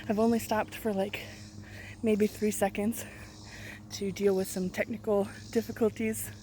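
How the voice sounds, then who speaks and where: A woman's voice: medium pitch, flat delivery, measured pace, warm tone, slight background noise. Breathless woman vlogging on a walk. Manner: breathy, self-deprecating asides. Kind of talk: casual vlog while walking. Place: outdoors, walking a mile.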